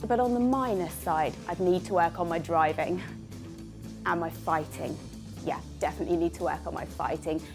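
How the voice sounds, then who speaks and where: A woman's voice: fairly low pitch, moderate pace, music in the background. A woman interviewer chatting with film cast, talking in a chatty, playful way. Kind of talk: casual film junket interview and presenter piece.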